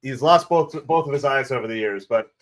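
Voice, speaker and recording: A man from New Jersey with a Jersey accent, hosting a live fan stream with chatty play-by-play and shout-outs to viewers. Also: medium pitch, a little fast. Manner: excitable, chatty, thanks viewers by name. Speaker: livestream host. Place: home streaming setup with green screen.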